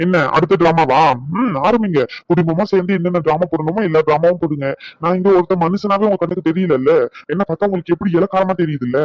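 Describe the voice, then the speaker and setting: Guy doing a sarcastic angry husband, fast talker, kinda dull lo-fi sound. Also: high voice, darkish tone, no echo, close to an everyday voice. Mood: bitter. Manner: scolding, bitter and sarcastic. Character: angry proud husband, adult man, short-tempered. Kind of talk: Tamil family drama acting.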